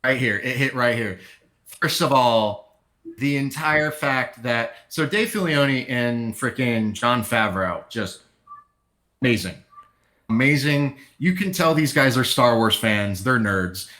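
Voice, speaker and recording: A man with a bright, forceful voice chatting casually on a live stream. He gushes and rambles like an excited fan, circling back to his points. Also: medium pitch, slow pace. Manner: enthusiastic, rambling fan talk. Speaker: podcast co-host. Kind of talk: casual chat.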